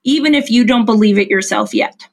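A woman with a fairly high voice talks as an interview guest and coach. She explains things in a blunt, informal way and slips into imagined dialogue to make her points. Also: fairly quick. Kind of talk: casual explanatory interview talk.

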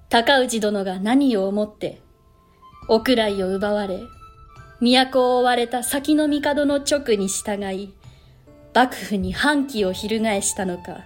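A woman playing a dignified samurai mother, narrating a period drama in a formal, reflective manner. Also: a little high. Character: dignified samurai mother recounting her sons' history.

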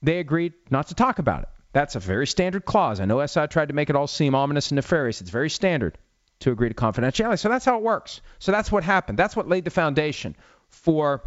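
A man's voice: a little high, big pitch swings, fast, dry recording, lo-fi sound. A middle-aged man hosting a sports talk show, explaining legal matters in a conversational way with wry asides. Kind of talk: casual talk-show commentary.

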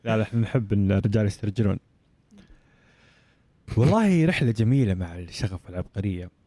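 Male host, playful banter, quick and low, dry studio sound. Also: big pitch swings, mellow, no echo. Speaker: podcast host. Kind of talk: casual interview.

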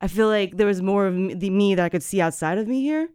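Chatty anxious woman, smooth dry voice. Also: medium pitch, animated, fast, darkish tone, dry recording. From Japan. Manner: rambling, filler-heavy, laughs often. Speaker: musician guest. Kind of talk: casual chat.

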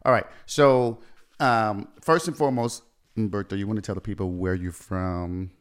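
Deep-voiced laid-back podcast host man. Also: steady tone, normal speed, clean tone. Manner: laid-back, chatty, laughs often. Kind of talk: casual chat.

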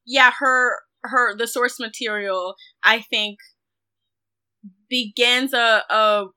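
A woman with a slightly high, steady, bright and forceful voice speaks slowly as a guest critic in a reflective film discussion interview. She is thoughtful and careful, often qualifying her points as she goes.

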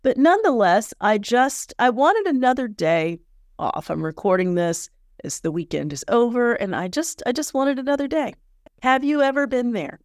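A woman who hosts a motivational podcast and works as a personal coach speaks in an animated, somewhat high voice at a moderate pace, sounding slightly stuffy from sinus pressure. She comes across candid, earnest, and encouraging, in a dry, studio-quality recording.

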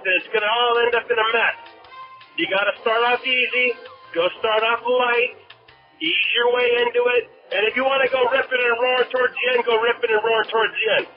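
Give me an older man on a muffled phone voicemail, crude and deadpan, very high-pitched, with faint music underneath. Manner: crude, jokey, deadpan delivery. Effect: played back over a landline phone voicemail. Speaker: voicemail caller. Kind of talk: rambling phoned-in advice.

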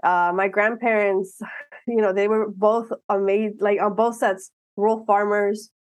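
An earnest woman in her thirties from Miami, talking as an interview guest. She speaks in an animated way and keeps restarting her phrases. The recording is dry and close. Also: mid-range voice, a little slow, dry recording. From Miami, United States. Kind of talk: casual interview conversation.

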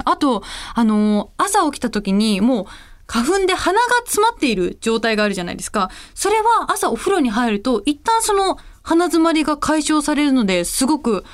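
A woman voice actress chatting on her own radio show, telling anecdotes with animated energy. Her voice sits high and swoops widely up and down. She talks at a brisk, rapid clip. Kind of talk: casual solo radio talk.

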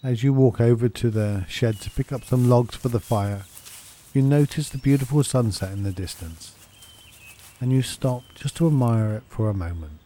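A man guiding a sleep meditation, talking softly, slowly and soothingly. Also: mid-range voice, slight background noise. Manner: soft, slow and soothing. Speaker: meditation guide.

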